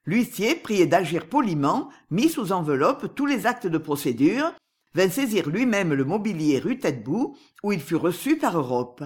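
A narrator giving a measured, expressive reading of a classic novel. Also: medium pitch, husky. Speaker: audiobook narrator.

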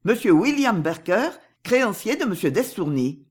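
A narrator voicing a disguised male swindler, calm and commanding, in an audiobook with a husky voice. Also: mid-range voice, normal speed. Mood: smooth. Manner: calm, commanding, coolly persuasive. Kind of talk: audiobook character reading.

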